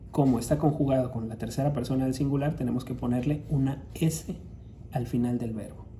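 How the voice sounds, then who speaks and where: A man's voice: medium pitch, dark tone, a little hiss or hum. A male English teacher with a Latin American Spanish accent explains grammar rules patiently, step by step, in a recorded lesson.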